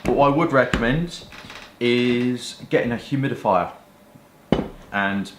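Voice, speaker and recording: A medium-pitched British man speaks at a measured pace in a casual product chat to camera, showing pipes and tobacco as a pipe-smoking vlogger. He rambles colloquially and swears mildly. The recording carries a roomy echo and faint background noise.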